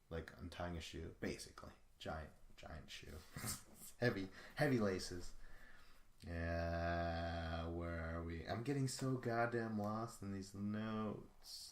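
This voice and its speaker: A man hosting a podcast, rambling through a casual solo recap with profane, chuckling asides. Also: low-pitched. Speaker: podcast host. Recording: echoey room.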